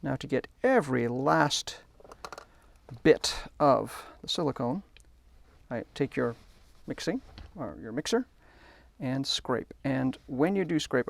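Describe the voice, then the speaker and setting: In a workshop, a male hobby instructor with a gravelly, medium-pitched voice demonstrates a hands-on technique, chatting enthusiastically as he narrates his work.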